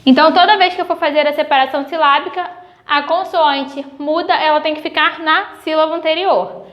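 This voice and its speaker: A woman teacher with a Brazilian accent giving a recorded grade-school lesson, patiently spelling out sounds slowly. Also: high-pitched, fairly even intonation, highs cut off. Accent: Brazilian Portuguese.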